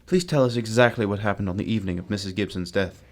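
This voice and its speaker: A man playing a composed, analytical gentleman detective in a radio drama, deliberate, courteous and authoritative. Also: on the low side, close to an everyday voice. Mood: gently probing.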